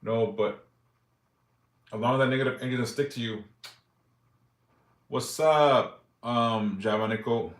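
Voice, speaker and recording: A man's voice: mid-range voice, a little slow, pauses often, roomy sound. Profane man in his forties on a live stream. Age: 40s. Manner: loose and profane, reads comments aloud and answers briefly. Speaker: livestream host answering yes-or-no questions. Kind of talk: casual livestream chat reading viewer questions.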